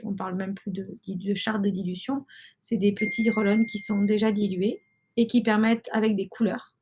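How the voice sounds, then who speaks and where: A woman's voice: medium pitch, dark tone, husky. Hesitant woman explaining. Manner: hesitant, many fillers and restarts. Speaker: podcast host and mother. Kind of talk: casual explanatory talk.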